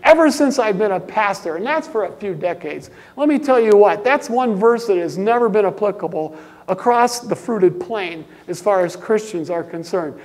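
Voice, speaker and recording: An older man, a pastor preaching a sermon, emphatic, dropping to quiet asides and rising to loud exclamations. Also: sits high, expressive, normal speed, long reverb tail.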